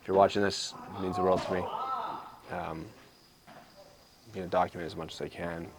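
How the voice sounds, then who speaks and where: Young male vlogger from Canada, deep and steady delivery, earnest and reflective. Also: moderate pace, creaky, very noisy. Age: 20s. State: out of breath. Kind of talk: casual travel vlog. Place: traveling abroad, outdoors and in.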